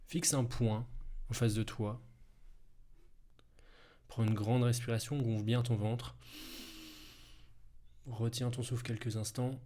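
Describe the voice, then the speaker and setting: A man guiding a hypnosis session slowly in a soft, hushed, intimate voice, as if right in your ear. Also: medium pitch, steady tone. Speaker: hypnosis guide, video host.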